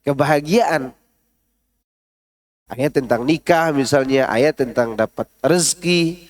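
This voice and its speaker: A man teaching a Quran study class in a large mosque, explaining with examples, asking the audience rhetorical questions and reciting verses in a melodic tone. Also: sits high. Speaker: ustadz giving a Quran tafsir study. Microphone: stood up while speaking.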